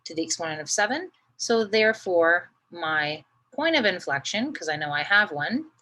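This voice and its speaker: A woman with a low, deep voice works through a calculus problem, patiently narrating each step. She checks in with the listener as she goes, in a steady teaching style. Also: normal speed, low-quality recording. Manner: patient, talks through each step, often adds "right?". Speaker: math teacher. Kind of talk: step-by-step math lesson.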